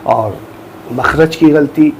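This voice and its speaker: A man giving a religious lesson, explaining step by step with earnest repetition and reciting phrases slowly to demonstrate. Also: a little high, creaky, a little hiss or hum. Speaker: religious teacher. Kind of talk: instructional talk on prayer.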